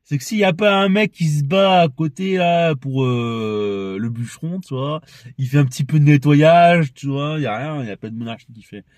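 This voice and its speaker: A man's voice: on the high side, normal speed, darkish tone, dry recording. Rambling, profane young man with a dry sound. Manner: rambling, profane, laughs often, shifts into heated ranting. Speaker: vlogger. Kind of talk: casual rambling monologue.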